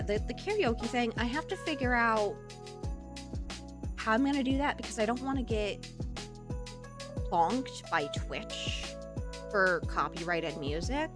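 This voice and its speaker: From her home streaming setup, a woman chats casually with her live chat, telling animated stories and laughing often. Her voice is a little high.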